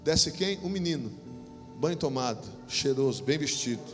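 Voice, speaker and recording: A middle-aged Brazilian man preaching a sermon as pastor, swelling into bursts and then dropping low to tell a story. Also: animated, normal speed, music in the background. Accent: Brazilian Portuguese. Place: church hall. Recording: long reverb of a church hall.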